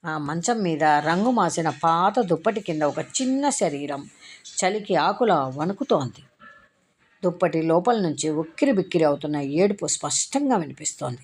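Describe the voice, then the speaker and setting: A woman narrating a short story in a measured, literary reading. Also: deep voice, lively intonation, a little hiss or hum.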